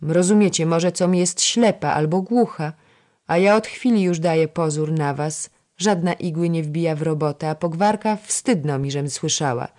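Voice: medium pitch, normal speed, darkish tone, pitched above the performer's own voice, lightly acted. A narrator voicing a strict, proper young lady-in-waiting who scolds her companions, in a historical storybook. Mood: scolding.

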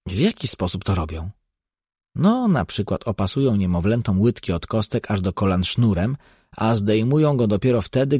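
Man doing seasoned tracker, grave, measured, lowish husky voice, dry. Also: darkish tone, no room sound. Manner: measured, explaining, warning.

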